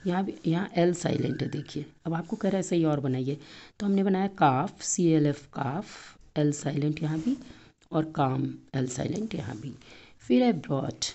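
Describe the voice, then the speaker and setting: Indian woman teacher, low and mellow voice, talks kids patiently through a lesson. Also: lively intonation, gravelly, muffled recording. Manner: explains step by step, repeats words slowly. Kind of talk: textbook lesson for children.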